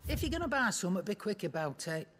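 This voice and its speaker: An actress playing a curt, indifferent shopkeeper in a video game, brusque and offhand. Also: female voice, medium pitch, very animated, fast talker, fairly bright tone. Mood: brusque, bored.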